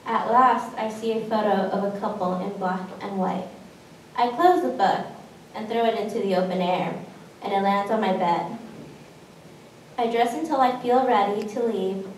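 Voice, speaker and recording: A woman reading a calm, detailed present-tense story aloud. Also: medium pitch, normal speed. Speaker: performer reading a personal piece. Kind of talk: present-tense descriptive narration. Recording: very echoey room, distant mic, faint noise.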